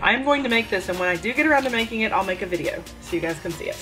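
A woman chatting casually as she opens trading card packs, excitable and quick to gasp at good pulls. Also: mid-range voice, soft background music. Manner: excitable, gasps and squeals at pulls. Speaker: card-opening vlogger. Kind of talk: casual pack-opening chat.

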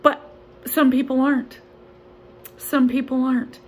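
A woman in her sixties, a pastor, preaches a sermon from her living room into a close-up phone or webcam. Her high voice has a flat delivery. She speaks slowly and earnestly in a conversational way, with a few fillers.

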